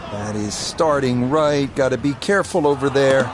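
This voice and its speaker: A man giving golf commentary as the play-by-play announcer, calling shots in a measured, understated way. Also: mid-range voice, background noise. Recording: background music and crowd sound.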